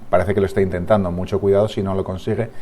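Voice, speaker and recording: A man's voice: sits low, little pitch movement, fast talker, mellow, slight background noise. A man with a Spanish accent from Spain, giving a market analysis over charts as a trading analyst, thinking aloud with frequent restarts and tag questions.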